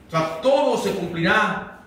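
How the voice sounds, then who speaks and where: Male pastor, high voice, conversational Bible teacher, heard from afar in a booming church hall. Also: animated, unhurried, fairly bright tone, a little hiss or hum. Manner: conversational, quizzes the congregation. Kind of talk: verse-by-verse Bible teaching sermon. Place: church sanctuary. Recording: very echoey hall, mic far off.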